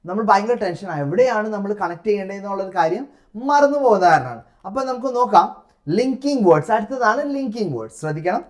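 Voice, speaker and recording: A man with a Malayali accent, coaching students through an English exam task. He explains each step in a steady classroom style, then slows right down to read example sentences aloud, leaning on the key words. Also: sits high.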